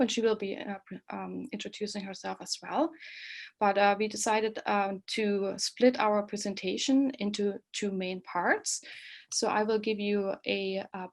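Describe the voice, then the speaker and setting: An associate professor in her forties, from East Germany and speaking with a German accent, presents a webinar in a mid-range voice. She's friendly and earnest, with plenty of ums and uhs.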